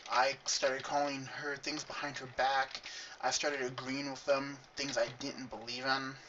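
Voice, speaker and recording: A man's voice: mid-range voice, level tone, a little slow, sharp tone, recorded from a distance. Young man, lisp, earnest rambling vlog, self-mocking, dull muffled sound, faint hiss. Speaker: vlogger. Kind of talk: casual confessional monologue. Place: room at a gaming computer.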